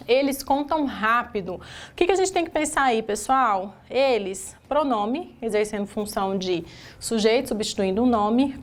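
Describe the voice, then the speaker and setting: A Brazilian woman leads an exam-prep grammar lesson at a whiteboard. Her voice sits somewhat high, and she breaks each sentence down word by word. She keeps asking the class rhetorical questions. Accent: Brazilian Portuguese. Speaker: teacher.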